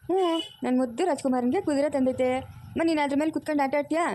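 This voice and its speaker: A woman's voice: high-pitched, very fast, mellow, close to an everyday voice. A woman voicing a tender, fretful village grandmother in a cartoon, soothing a child in a rural Kannada accent from the Chikkaballapur region. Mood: coaxing. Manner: coaxing, soothing. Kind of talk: cartoon voice acting.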